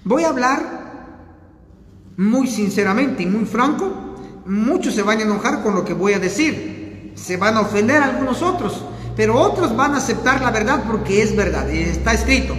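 High-voiced man preaching in an echoey hall. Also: expressive, moderate pace, a bit bright, slight background noise. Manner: emphatic teaching with call-and-response questions. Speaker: pastor. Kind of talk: sermon. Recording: echoey hall with long reverb.

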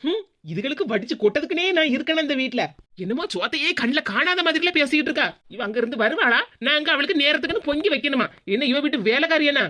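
A woman's voice: high-pitched, lively intonation, fast talker, sharp tone. Woman playing a put-upon cartoon daughter-in-law. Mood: grumbling. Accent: Tirunelveli Tamil. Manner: complaining, plaintive. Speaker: cartoon voice actor. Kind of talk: comic cartoon voice acting.

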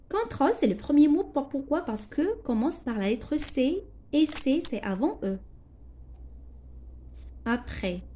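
A woman teacher with a Moroccan accent, slowly explaining a primary school lesson, spelling out letters and translating words as she goes. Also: high-pitched, warm tone.

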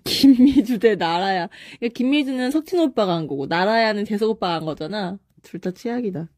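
A young woman casually chatting on a live stream, reading viewer comments aloud and answering quick either-or questions. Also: mid-range voice, lively intonation, darkish tone, dry recording, studio quality.

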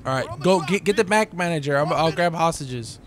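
A young man chatting casually during a co-op game, excitable, foul-mouthed and joking. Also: fairly high pitch, a little fast. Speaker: video game player. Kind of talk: casual co-op gaming chat. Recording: gunfire and game noise behind voice. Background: video game gunfire.

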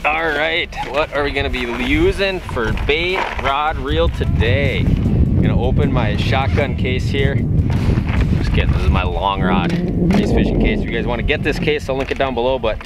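Young man vlogging outdoors in loud wind. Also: medium pitch, expressive, normal speed. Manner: upbeat, chatty, explaining gear. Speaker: fishing channel host. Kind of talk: casual outdoor vlog. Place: outdoors on a frozen lake. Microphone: camera close up, held at arm's length. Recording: loud wind noise on the mic.

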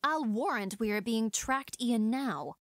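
An actress playing a proud, sharp-tongued young rebel princess, speaking formal archaic verse in an audio drama. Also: female voice, fairly high pitch, lively intonation, unhurried, no echo, clean studio sound. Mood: sharp, earnest.

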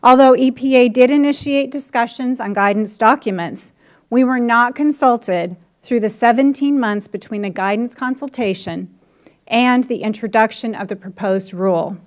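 A woman, a county commissioner from the United States, reading formal testimony at a congressional hearing in a measured, deliberate manner. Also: on the high side. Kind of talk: formal testimony read from prepared remarks.

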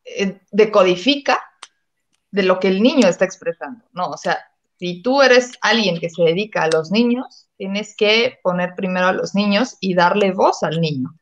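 A woman with a Mexican accent, a guest, explaining calmly in a casual chat. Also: medium pitch, normal speed. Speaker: pediatric physiotherapist guest. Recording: dull lo-fi audio.

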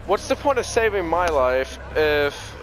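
A man's voice: on the high side, sing-song, measured pace. Laid-back man commenting on gameplay. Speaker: gameplay streamer.

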